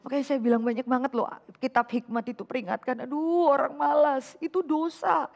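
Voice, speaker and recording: A woman vicar preaching a lively sermon to a women's fellowship, asking rhetorical questions and mixing in English phrases. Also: high voice, fairly quick, gravelly, long reverb tail. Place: church hall.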